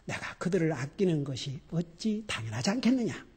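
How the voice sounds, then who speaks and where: A pastor quoting a gentle, husky-voiced God. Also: male voice, on the high side, very animated, fairly quick, heavily acted. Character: gentle patient fatherly God speaking to a prophet.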